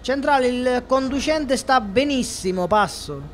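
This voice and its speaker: Streaming a police game, a Catania man with a Sicilian accent keeps up a joking, playful back-and-forth with his chat. His very high voice is expressive and measured, and there's slight background noise.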